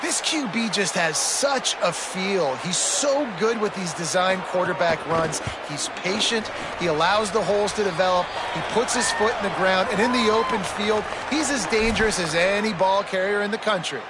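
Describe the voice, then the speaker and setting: High-voiced guy breaking down football plays, emphatic, huge crowd noise all around. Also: normal speed, few pauses. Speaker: football color analyst. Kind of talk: live game analysis. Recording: very loud stadium crowd noise.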